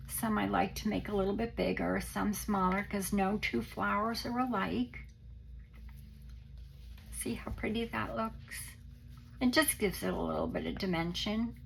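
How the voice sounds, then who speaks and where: A craft tutorial host, a woman who is hoarse and unwell, talks gently through a demonstration, her croaky mid-range voice breaking into a papery whisper. She speaks casually and haltingly, as if thinking aloud. The recording is low quality, with slight background noise.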